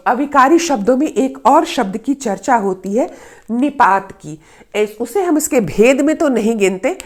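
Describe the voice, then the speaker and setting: A woman's voice: a little high, a little mellow. A woman teaching Hindi grammar in a patient lesson, repeating her example sentences and stressing the key words. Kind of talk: explanatory lesson.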